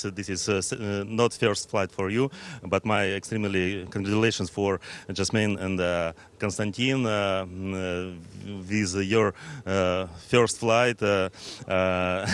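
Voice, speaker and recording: A fairly low-voiced man with a Russian accent gives a formal welcome as a commander. He is halting, filling gaps with hesitations while he searches for each word. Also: a bit bright. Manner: halting, filler-heavy, searching for words. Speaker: space station commander.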